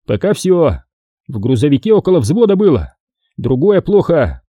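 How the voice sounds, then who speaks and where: A cocky young soldier shouting wisecracks over gunfire, as a man reads him aloud. The voice is pitched up, husky and dark, and set in a dry, close recording. His lines come out brash and jumpy, as if ducking between shots. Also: big pitch swings, normal speed, no room sound, phone-quality sound. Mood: urgent.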